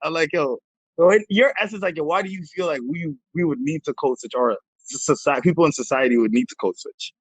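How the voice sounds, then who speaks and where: A young man from Jamaica co-hosting a podcast, telling stories in animated casual slang. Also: on the high side, a little fast, slightly rough, dry recording, poor audio. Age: young adult. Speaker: podcast co-host.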